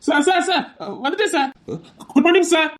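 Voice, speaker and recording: A man's voice: very high voice, lively intonation, normal speed, voice pushed up. A man voicing a nervous, fussy junior constable who mutters anxious asides in an audio drama. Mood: flustered.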